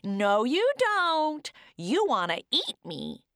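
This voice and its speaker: A woman's voice: high-pitched, huge pitch swings, slow, a bit bright, dry recording, studio quality, voice pushed up, heavily acted. A woman voicing a cheeky, boastful little gingerbread man who taunts in a singsong chant. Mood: defiant.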